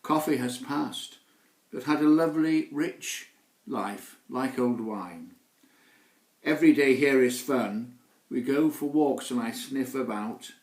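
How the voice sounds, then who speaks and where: A man's voice: mid-range voice, slow pace, a little mellow. A man reciting a rhyming poem in the voice of a happy, loyal rescued dog. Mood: cheerful. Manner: cheerful rhymed recitation. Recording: roomy echo.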